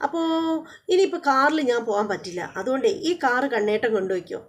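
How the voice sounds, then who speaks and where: A woman's voice: fairly high pitch, lively intonation, close to an everyday voice. A woman voicing Geethu, a coy young wife. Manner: coaxing, hesitant, with many trailing pauses. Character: young wife, sweet, hesitant and teasing.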